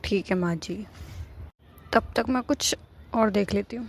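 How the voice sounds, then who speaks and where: A woman's voice: mid-range voice, unhurried, slight background noise, natural voice. A woman voicing a put-upon young wife in a cartoon, grumbling and complaining. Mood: polite. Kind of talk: cartoon voice acting.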